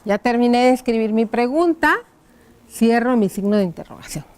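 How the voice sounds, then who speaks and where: A woman teaching a primary school lesson on TV, talking slowly and patiently and spelling out each word as she writes, checking in with the children. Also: fairly high pitch, darkish tone. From Mexico. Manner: asks the pupils rhetorical check-in questions. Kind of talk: classroom lesson on TV.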